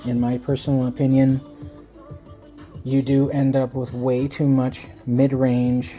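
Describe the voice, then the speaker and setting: A man's voice: medium pitch, completely flat delivery, measured pace, dark tone, soft background music. A man with toothless, slightly slurred speech, casually rambling through a home audio review in a wry, self-deprecating, irreverent way.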